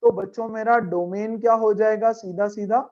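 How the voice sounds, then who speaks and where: A man's voice: high voice, steady tone, moderate pace, highs cut off. A man teaching a maths class as a lecture, emphatic, repeating key points and checking in with his students. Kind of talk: classroom lecture mixing Hindi and English.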